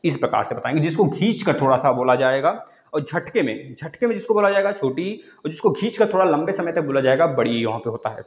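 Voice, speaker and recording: A Hindi grammar teacher gives an exam-prep lesson, repeating every word, quizzing his viewers, and calling them friends. His mid-range voice is expressive and quick, with a roomy sound.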